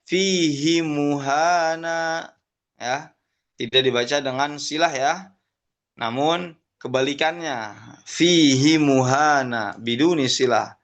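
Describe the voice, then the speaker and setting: A young man from Indonesia giving an online lesson on Quran recitation, explaining patiently and chanting verses in a drawn-out tone. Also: on the high side, gravelly, fairly bright tone. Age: young adult.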